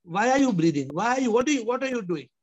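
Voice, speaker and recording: A man in his fifties with an Indian accent leads a spiritual question-and-answer session. His voice is high for a man, and he repeats questions for emphasis. The sound is dull, compressed video call audio. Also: animated, fast. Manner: emphatic, repetitive, rhetorical questioning. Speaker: host and spiritual teacher.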